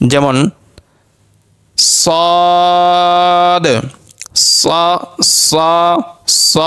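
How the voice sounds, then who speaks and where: A man gives a recitation lesson. His voice is smooth and resonant and sits a little high. He repeats each letter sound slowly and patiently, over and over. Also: dry recording, studio quality. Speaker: Quran recitation teacher.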